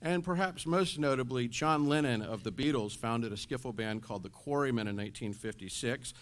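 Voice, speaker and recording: A man's voice: medium pitch, brisk. A man giving a university music-history lecture, explaining as he goes, with frequent restarts. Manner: explanatory, thinking aloud with restarts. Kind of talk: classroom lecture.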